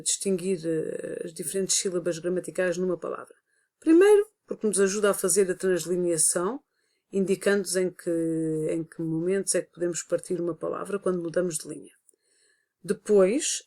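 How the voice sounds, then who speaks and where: A woman's voice: on the low side, a little mellow. A woman teacher with a European Portuguese accent, explaining a grammar lesson step by step with frequent hesitant fillers. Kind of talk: recorded online lesson.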